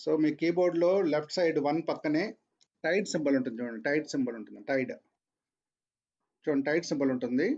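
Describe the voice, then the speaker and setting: A man's voice: a little high, fast talker, gravelly, pauses often, darkish tone, breathy edge, muffled recording. A man teaching a programming class online, repeating his points patiently. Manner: repeats points, mixes English into Telugu.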